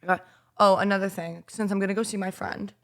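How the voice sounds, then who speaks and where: Fast-talking profane young woman. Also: medium pitch. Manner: blunt, profane, animated storytelling. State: getting over strep throat. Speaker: podcast co-host. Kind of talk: casual chat.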